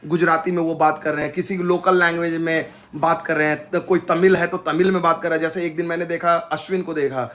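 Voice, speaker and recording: A man with a high, bright voice tells story after story as a fan reporter. He mixes Hindi and English and acts out what others said to him. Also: a little fast, hardly any pauses. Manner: animated storyteller, mixing Hindi and English, acting out quotes. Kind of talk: casual interview anecdotes.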